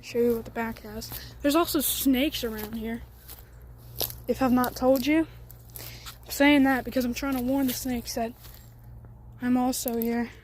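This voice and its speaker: A woman's voice: on the high side, steady tone, unhurried, pauses often, darkish tone, slight background noise. A woman hosting a casual walkaround vlog outdoors in the woods. She rambles in a chatty way and sometimes drops to near-whispers. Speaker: garage channel host. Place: outdoors in woods by an old truck.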